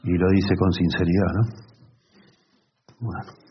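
Deep-voiced Argentine preacher. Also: male voice, flat delivery, a little slow, muffled recording, slight background noise. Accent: Argentine Spanish. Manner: earnest, teaching, with frequent "¿no?" and "¿sí?" checks. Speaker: pastor and marriage counselor. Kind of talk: sermon.

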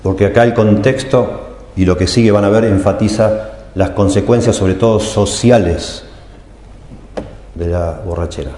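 A man's voice: fairly low pitch, unhurried, mellow, slight background noise. A man preaching a sermon, explaining scripture and voicing its cries with emphasis. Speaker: pastor. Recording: echoey hall with long reverb.

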